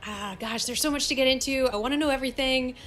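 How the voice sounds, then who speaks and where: A woman's voice: high voice, fast, a bit bright, faint music behind. A woman co-hosting a podcast, eager and playful as she asks a guest questions. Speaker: podcast co-host. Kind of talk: casual chat.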